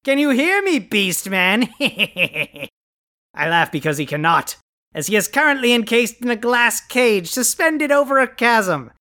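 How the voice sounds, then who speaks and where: A performer plays a pompous, theatrical male supervillain on a comic scripted podcast, acting as host and lording it over listeners with bombastic decrees, grandiose proclamations, and sneering insults. His medium-pitched voice is bright and cutting, very animated at a moderate pace, and his temper flares easily.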